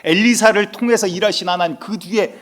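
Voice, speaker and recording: A man's voice: high-pitched, a little fast, a bit bright. A male senior pastor preaching a Sunday sermon with emphatic storytelling and rising outbursts. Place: church sanctuary.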